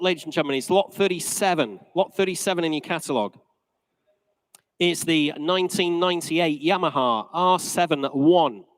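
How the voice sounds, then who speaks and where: A man's voice: a little high, clear, resonant tone, no room sound. A man working as an auctioneer, calling bids live in a polished, courteous, repetitive patter.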